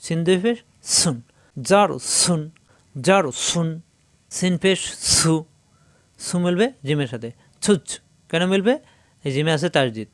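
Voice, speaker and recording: A man teaching Quran reading step by step, his voice sitting slightly high and recorded close and dry. He drills each syllable slowly and repeats it, pausing to explain how it is formed. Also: expressive, no room sound. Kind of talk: step-by-step recitation lesson.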